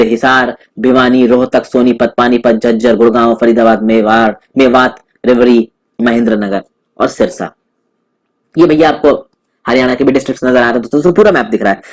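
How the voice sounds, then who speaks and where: A young male tutor with a fairly high voice gives a relaxed exam-prep lecture. He talks to viewers as friends and mixes in English terms as he walks them through a map.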